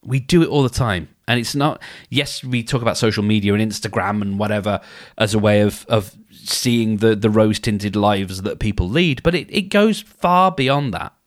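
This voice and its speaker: A man hosts a solo advice podcast, thinking aloud conversationally and acting out inner dialogues. His voice is on the low side at a moderate pace, and he frequently restarts sentences and uses filler phrases.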